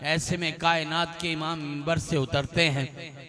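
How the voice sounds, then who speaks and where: A man delivers a fiery sermon in a high voice, slow and deliberate, stacking line after line of repeated refrains. His voice climbs into fervent bursts. Behind him a crowd murmurs across the gathering. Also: level tone. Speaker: preacher. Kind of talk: impassioned religious sermon. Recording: crowd noise at a public gathering.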